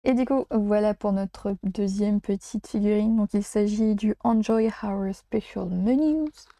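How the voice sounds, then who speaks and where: A woman's voice: medium pitch, measured pace, warm tone, no room sound, studio quality. A woman hosting a casual toy unboxing, talking chattily with frequent hesitations. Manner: chatty, hesitant with many fillers, laughs at herself. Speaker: unboxing vlogger.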